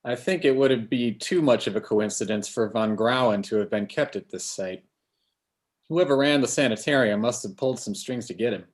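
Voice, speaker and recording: A brainy ghost scientist, read by a man who lays out his theories in a measured, explanatory way. He has a plain mid-range voice and reads the script aloud at a live reading. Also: mid-range voice, natural voice.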